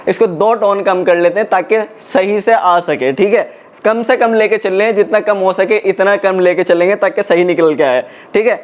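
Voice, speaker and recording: A young man casually walking viewers through an on-screen tutorial, chatty and repeating filler check-ins as he goes. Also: sits high. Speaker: crypto tutorial YouTuber. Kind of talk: casual screen-walkthrough explanation.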